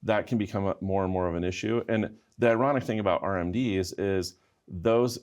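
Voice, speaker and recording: A man co-hosting a financial advice show, calmly walking through figures one step at a time. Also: sits low. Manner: measured, walks through numbers step by step. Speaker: financial advisor co-host. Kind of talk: explanatory radio talk.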